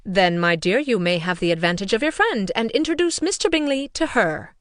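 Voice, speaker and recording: A woman voicing a dry, ironic older gentleman in a storybook reading, speaking in measured, teasing tones. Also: medium pitch, animated, no room sound, lightly acted. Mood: wry.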